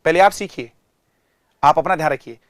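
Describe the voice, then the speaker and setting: A man with an Indian accent teaching an online language lesson in a lively, teasing, mock-exasperated way. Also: fairly high pitch, normal speed, no echo.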